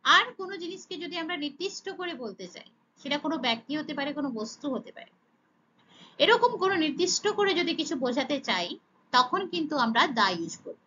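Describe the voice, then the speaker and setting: Explaining English grammar to children, a high-pitched, bright-voiced Bengali teacher speaks fast in a sing-song way. She poses questions and answers them herself, saying "okay" frequently, and the recording's highs are cut off.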